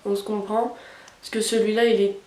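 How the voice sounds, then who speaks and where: A young beauty vlogger talks through her makeup routine casually and hesitantly, using lots of fillers. Her mid-range voice has little pitch movement, a normal pace, and a darkish tone. A distant camera mic gives a roomy sound.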